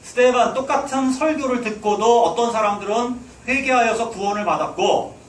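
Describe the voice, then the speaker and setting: Recorded from a distance in an echoey church sanctuary with slight hiss or hum, a pastor with an extremely high-pitched voice preaches at a moderate pace. He urges his listeners on and asks the hall rhetorical questions.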